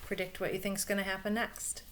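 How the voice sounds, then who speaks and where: Reading a picture book to young children, a woman speaks expressively and stops to explain things and ask questions. Her voice is medium in pitch and fairly bright, with little pitch movement, and she talks fairly quickly over slight background noise.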